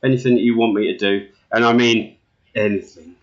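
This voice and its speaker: A man's voice: on the low side, fairly even intonation, fairly quick, lo-fi sound. A man hosting a podcast, chatting in crude, joking banter and rambling with lots of restarts. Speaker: podcast host.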